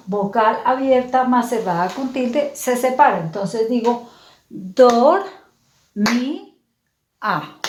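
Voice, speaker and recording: Profesora de habla pausada y clara. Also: female voice, a little high, echoey room, slight background noise. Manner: patient, syllable-by-syllable enunciation. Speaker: teacher. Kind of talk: slow, clear classroom explanation.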